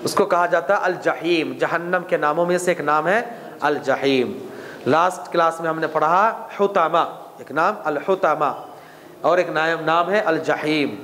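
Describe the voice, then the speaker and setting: A man with an Indian accent teaching a Quran commentary class, slowly explaining Arabic words and repeating them. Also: on the high side, a bit bright, long reverb tail, a little hiss or hum. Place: mosque hall.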